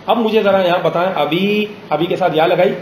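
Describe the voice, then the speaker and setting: A man teaching a grammar lesson in a classroom, pausing often to ask students questions and slowing down on examples. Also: high-pitched, slight background noise. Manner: drills students with frequent check questions; slows down to spell out example phrases. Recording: roomy classroom echo.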